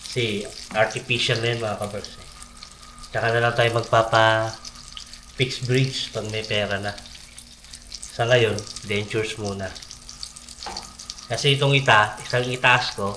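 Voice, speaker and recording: A man's voice: on the low side, fairly bright tone, slight background noise. A Filipino man chatting casually to vlog viewers in an informal way, with a slight lisp from missing front teeth. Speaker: vlogger. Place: home kitchen while cooking.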